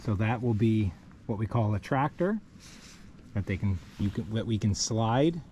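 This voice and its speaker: On a rocky riverbank, a man demonstrates kayak rescue rigging step by step, speaking plainly and methodically as he works the ropes by hand, captured by a wearable camera on his body. His voice is lowish, animated, mellow, and measured, with slight background noise.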